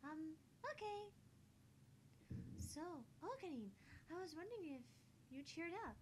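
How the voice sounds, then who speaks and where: A woman voicing a sweet, simple, childlike girl in a visual novel, speaking in a soft, cutesy, gentle manner. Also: very high-pitched, very animated, a little slow, slight background noise, pitched above the performer's own voice, heavily acted, rough recording.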